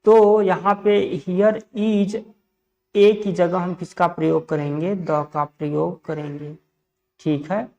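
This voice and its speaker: A man from India teaching an English grammar lesson for exams. He asks questions and answers them himself, repeats set phrases, and reads the example sentences slowly. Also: sits high, level tone, a little mellow, dull audio. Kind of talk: exam-prep grammar lesson.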